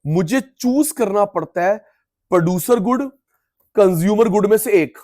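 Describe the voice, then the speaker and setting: A middle-aged man teaching economics in an energetic lecture, loudly coaxing and quizzing his students. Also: high voice, unhurried.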